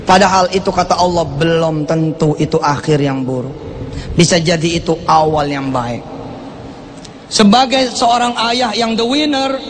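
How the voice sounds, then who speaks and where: Middle-aged male preacher, high pitch, animated sermon delivery, soft background noise. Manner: animated, acts out quoted prayers.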